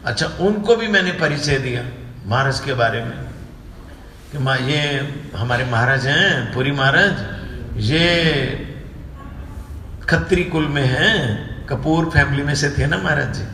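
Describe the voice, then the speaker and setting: A man's voice: mid-range voice, animated, a little slow, vocal fry, pushed and bright. A man with a Punjabi Hindi accent giving a devotional discourse, telling stories and acting out the voices of the people in them. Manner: storytelling, acts out quoted voices. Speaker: speaker giving a religious discourse. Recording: echoey hall, distant mic, faint hiss.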